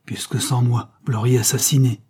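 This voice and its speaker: A man's voice: mid-range voice, little pitch movement, moderate pace, dark tone, breathy edge, natural voice. A man voicing a male figure who interrupts to accuse, read in a storybook. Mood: accusing.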